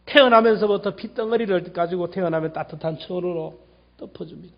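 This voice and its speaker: High-pitched guy pastor preaching, repeats words for emphasis, loud then quiet, muffled recording. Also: a little fast, creaky. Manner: emphatic, repeats key words, swings between loud and hushed. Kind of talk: sermon. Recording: dull lo-fi church recording.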